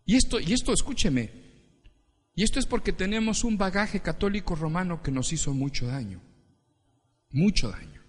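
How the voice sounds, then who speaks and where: A pastor from Ecuador preaching an animated sermon and calling on the congregation to repeat phrases after him. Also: male voice, high-pitched, moderate pace, pauses often, slightly rough. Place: church hall with congregation. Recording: reverberant church hall.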